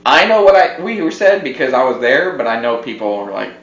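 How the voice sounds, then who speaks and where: Brisk and sing-song, this co-host's medium-pitched, fairly bright voice carries an informal chat on a casual home podcast. The tripod-mounted podcast mic gives a muffled, roomy sound with hum in the background.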